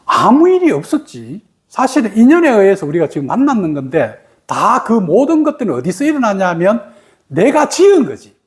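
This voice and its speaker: A woman gives a spoken meditation teaching, patiently explaining with everyday examples and asking her listeners rhetorical questions. Her medium-pitched, slightly mellow voice swoops wildly in pitch at a normal speed.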